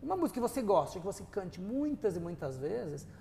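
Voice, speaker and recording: A man, an English teacher and author, answering interview questions in a lively, storytelling way. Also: high-pitched, fairly quick, vocal fry, big-room sound, a little hiss or hum. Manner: lively storyteller who sings snippets and laughs. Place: TV studio.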